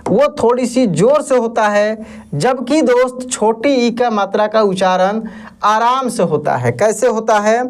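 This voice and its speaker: A man teaching an online lesson, patiently asking questions and answering them himself while reassuring learners. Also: very high-pitched. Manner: reassuring, tells learners not to worry. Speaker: Hindi teacher.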